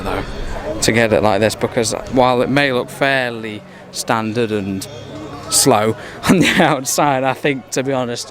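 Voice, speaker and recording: An English man strolls through an outdoor car show, chatting enthusiastically about the cars he passes. His talk is casual and a little rambling, with a mid-range voice. The sound comes from a handheld camera mic in the open air. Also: mid-range voice. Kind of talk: casual walkaround commentary.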